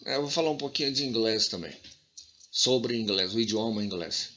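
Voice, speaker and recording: A Brazilian man talks through a casual language lesson, thinking aloud with lots of fillers and stretching out sounds to demonstrate them. His voice is bright and somewhat low. The recording is dull and lo-fi, with faint hiss and clicks. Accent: Brazilian Portuguese. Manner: demonstrates pronunciation slowly and with emphasis. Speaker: language teacher.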